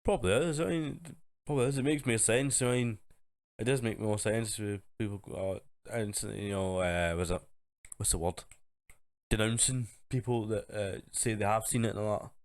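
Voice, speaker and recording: Low-voiced man giving hesitant agreement. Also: normal speed. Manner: mostly short agreeing replies, hesitant when explaining. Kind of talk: casual chat.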